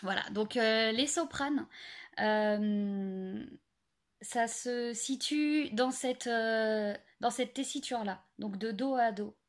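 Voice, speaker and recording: A young woman explaining singing basics in a casual, hesitant way, full of pauses and fillers. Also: a little high. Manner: hesitant, many fillers and restarts. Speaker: singing teacher. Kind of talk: casual spoken singing tips.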